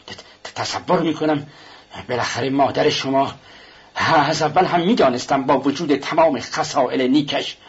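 A man voicing a pompous middle-aged suitor who speaks with stiff, indignant formality in a husky voice. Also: mid-range voice, dull audio.

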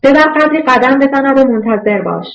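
A woman's voice: medium pitch, highs cut off, lightly acted. A woman reading the part of a weary, harried hospital nurse who answers in short, curt phrases. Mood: brusque.

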